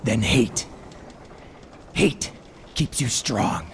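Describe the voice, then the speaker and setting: A man's voice: fairly low pitch, expressive, drawn-out words, full character voice. An actor playing a hard, knowing man of the Roman galleys in a historical drama. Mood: grimly advising. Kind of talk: dramatic audio acting. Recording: loud music under the voice.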